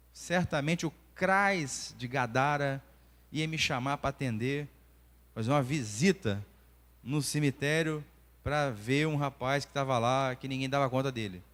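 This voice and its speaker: A Brazilian man in his forties teaching a church class as a doctor, telling stories and acting out the dialogue. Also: medium pitch. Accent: Brazilian Portuguese. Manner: animated storytelling, acting out dialogue. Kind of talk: church lesson with personal stories. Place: church hall. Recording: long reverb of a church hall.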